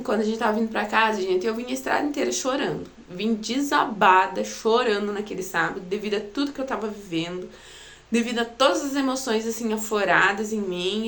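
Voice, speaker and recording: A woman from Brazil telling her own birth story in a casual, chatty way, often turning to her listeners with "né" and "sabe". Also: a little high. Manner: chatty, addresses listeners as "gente", frequent "né" and "sabe".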